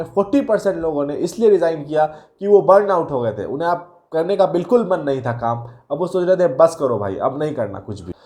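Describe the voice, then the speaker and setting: A man with a notably high voice talks straight to his viewers. He explains in a loose, chatty way, calling them guys and mixing in English terms. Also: a little mellow. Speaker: career video host. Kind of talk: casual explainer talk to viewers.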